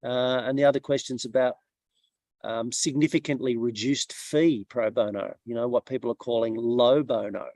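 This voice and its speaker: A man on an online webinar panel, explaining his points in a measured way with a few restarts. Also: medium pitch, fairly even intonation, darkish tone, no room sound. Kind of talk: casual online webinar talk.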